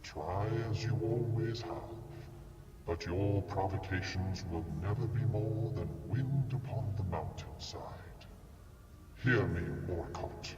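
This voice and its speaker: A deep dragon voice, slow and solemn, booming through a long cavernous reverb. The ancient guardian speaks in stern, formal commands, like a fantasy game monologue. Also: male voice, music in the background. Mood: stern defiance. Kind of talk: pre-recorded fantasy role-play monologue. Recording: muffled, cavernous reverb, distant.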